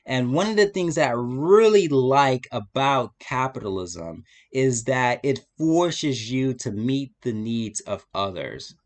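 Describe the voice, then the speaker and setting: A man hosting a live stream with casual, opinionated commentary, preaching his views, repeating phrases for emphasis and often checking in with the listener. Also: mid-range voice.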